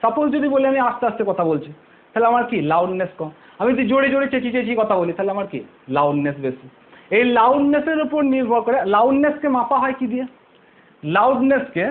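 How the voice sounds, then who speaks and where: A male teacher explaining physics step by step, asking the class questions and answering them himself, repeating the key terms. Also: very high-pitched. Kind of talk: online physics lesson. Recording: tinny phone-like audio.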